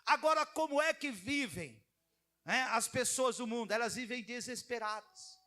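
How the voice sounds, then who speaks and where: A male pastor preaching a sermon in an animated way, acting out the people he quotes. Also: very high voice, normal speed.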